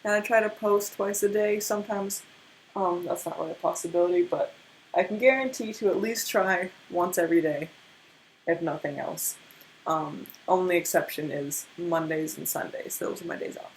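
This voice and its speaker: A woman's voice: fairly low pitch, steady tone, normal speed, a little hiss or hum, rough recording. A tired young woman with a stutter, giving a casual tarot card reading after very little sleep, with many restarts. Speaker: tarot reader.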